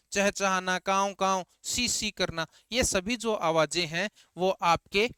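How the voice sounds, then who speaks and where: A man's voice: sits high, sharp tone, smooth, dry recording. A male teacher giving a grammar lecture, asking the class questions and answering them himself while repeating key terms.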